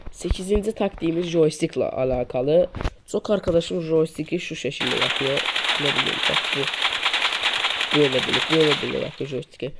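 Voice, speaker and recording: A mobile shooter tips creator gives a casual screen-recorded tutorial, demonstrating and repeating each tip while calling viewers friends. The recording is very noisy, his poor mic overwhelmed by loud gunfire and clicks.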